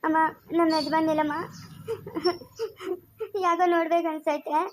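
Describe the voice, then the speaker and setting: A woman as a tearful young mother in labor; rural Chikkaballapur Kannada accent, high and fast, begging through pain. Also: level tone, darkish tone. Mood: pleading. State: in pain, crying.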